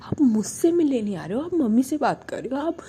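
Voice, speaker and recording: A woman's voice: high-pitched, big pitch swings, brisk, mellow, slight background noise, voice pushed up. A woman voicing a jealous, hot-tempered young woman who speaks sharply and indignantly.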